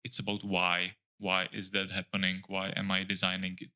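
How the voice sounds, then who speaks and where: In a relaxed interview, the guest, a middle-aged architect, answers in English with a flat, low voice that still carries a bright, forward quality. His speech comes in careful fits and starts, full of "uh" pauses and fresh beginnings as he searches for the right word.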